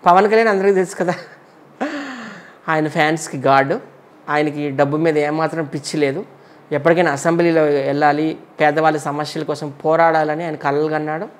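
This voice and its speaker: An entertainer from Andhra Pradesh chats casually in an interview, firing off blunt one-line verdicts. His voice sits on the high side with a steady tone.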